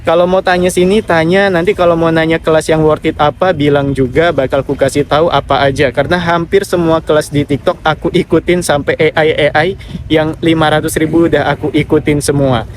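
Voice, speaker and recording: A man's voice: on the high side, flat delivery, fairly quick, a little hiss or hum. A man hosting a casual live Q&A, giving direct advice and reading out viewer comments. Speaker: affiliate marketing livestreamer.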